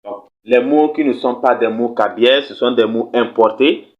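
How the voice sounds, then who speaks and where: A man's voice: medium pitch, moderate pace. A man teaching a language lesson on video, speaking patiently, repeating words and checking that viewers follow. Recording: slightly dull, lo-fi recording.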